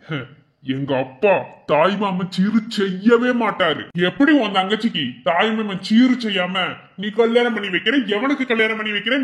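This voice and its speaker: A man's voice: high voice, fairly bright tone. A man voicing a hot-headed young village man in a cartoon, taunting and threatening his rival cousin in a Madurai Tamil accent. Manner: taunting and menacing.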